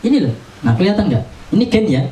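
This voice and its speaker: This man is selling audio gear, walking through a mixer demo step by step in a chatty way while pressing buttons. He talks fast in a high, dark voice with big pitch swings. Recorded from a distance, the audio is roomy with a little hiss or hum.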